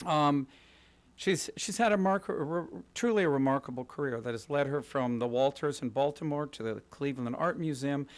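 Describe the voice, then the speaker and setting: A middle-aged man from Kansas City giving a prepared talk at a podium in an event hall, gracious and self-deprecating, telling stories in a polished way. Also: fairly high pitch. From Kansas City, USA. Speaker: guest speaker, interior designer. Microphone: podium microphone.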